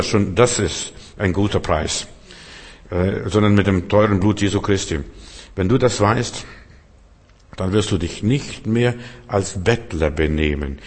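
Emphatic low-voiced male preacher in a reverberant hall. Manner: emphatic, addresses listeners directly with repeated "weißt du". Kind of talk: sermon.

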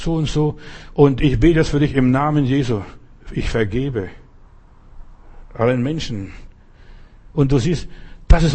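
This male pastor's voice sits fairly high and sounds warm. Preaching in a conversational way, he talks straight to every listener and repeatedly asks if they're following along.

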